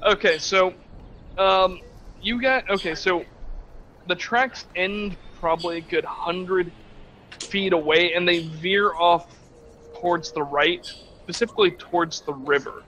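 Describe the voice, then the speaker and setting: A man's voice: high-pitched, a little slow, bright, forceful tone, a little hiss or hum, poor audio. A man acting as game master in a tabletop game, describing the scene in a rambling, hesitant way with many restarts.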